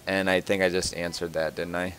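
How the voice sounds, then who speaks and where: Low-voiced rambling young man podcaster. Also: level tone, brisk, fairly bright tone, slight background noise. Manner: rambling, joking, lots of fillers and restarts. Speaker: podcast host. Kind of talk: casual podcast chat answering listener questions.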